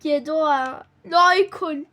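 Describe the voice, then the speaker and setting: A high-voiced woman streams a game with casual let's-play commentary. She's excitable and jokey, frequently crying out, laughing, or dropping to a hushed whisper.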